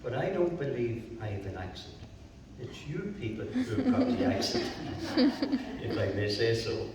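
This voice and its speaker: A man with an Irish accent and a mid-range, very animated voice gives a jovial public talk as a co-author at a library event, over a noisy crowd. He speaks slowly and chuckles at his own jokes. The sound comes from a distant room mic, so the hall echoes and he seems far off.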